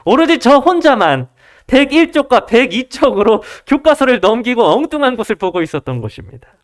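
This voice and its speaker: A preacher giving a sermon in a formal, measured style, telling a story and speaking straight to the congregation with rhetorical questions. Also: medium pitch, sing-song.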